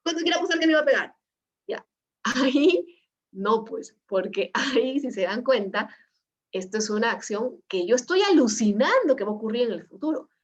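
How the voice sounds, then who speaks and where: A woman teaching an online law class. She explains with lively examples and often adds tag questions. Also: high voice. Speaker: law lecturer. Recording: dull lo-fi online class audio.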